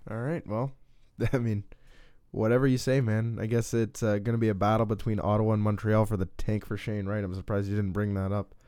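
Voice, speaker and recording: A man's voice: on the low side, flat delivery, a little fast, dark tone, clean tone, no echo. A young man hosting a casual sports podcast, laid-back, laughing often and passing topics to his co-hosts. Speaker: podcast host.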